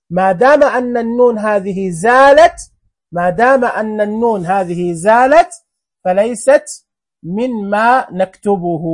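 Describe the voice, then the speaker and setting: A teacher gives a classroom grammar lesson, speaking slowly and repeating each word and example. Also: medium pitch, darkish tone. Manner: slow, repeats words and drills examples.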